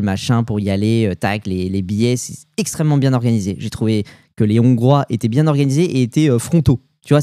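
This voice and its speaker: A young man with a French accent chats casually on a podcast, swapping travel stories in loose, slangy talk full of fillers. His voice is mellow and relaxed at a middle pitch. The sound is dry and close, with no room around it. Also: no echo. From France. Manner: animated storytelling with slang and fillers. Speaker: podcast co-host. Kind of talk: casual chat.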